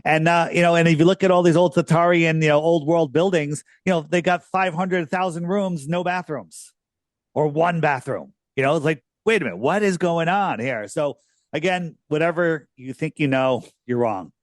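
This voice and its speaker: A man's voice: a little high, dry recording, clean studio sound. A man in his sixties hosting a podcast in casual, emphatic conversation. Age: 60s. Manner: emphatic and conversational, drawn-out stresses. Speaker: podcast host.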